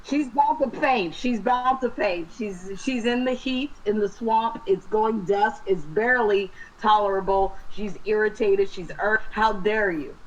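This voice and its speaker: A woman's voice: medium pitch, measured pace, few pauses, lo-fi sound. A woman player in a tabletop game, chatting casually and animatedly. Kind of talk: casual chat.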